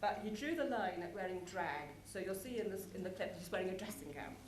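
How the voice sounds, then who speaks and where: Addressing an audience in a large conference hall, a woman presents in an animated, mid-pitched voice, working through explanatory phrases with deliberate pauses. The plenary recording sounds roomy and echoey, and background noise is clearly audible.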